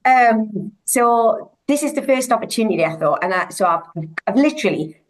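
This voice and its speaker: A woman's voice: a little high, expressive, normal speed, slight background noise. A woman in her forties with a Geordie accent, a language teacher talking on a video call in a chatty, rambling way full of restarts and "you know what I mean?". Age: 40s. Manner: chatty, rambling, many restarts and tag questions. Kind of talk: casual video call conversation.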